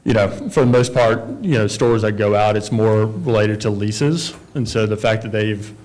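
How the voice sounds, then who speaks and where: Sex: man. Role: developer. Pitch: lowish. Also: steady tone, moderate pace, a little mellow. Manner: conversational, many fillers and restarts. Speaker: developer presenting a project. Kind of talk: meeting presentation with questions. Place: town council meeting room.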